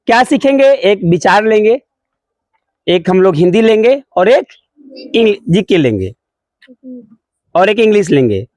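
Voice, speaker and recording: A man's voice: sits high, sing-song, a little slow, long pauses, darkish tone, no room sound. A man teaching at a school prayer assembly. He leads call-and-response, repeats key words, asks questions and answers them himself, and mixes English phrases into his explanations. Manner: repeats key words, calls pupils "babu". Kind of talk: leading a morning school assembly lesson.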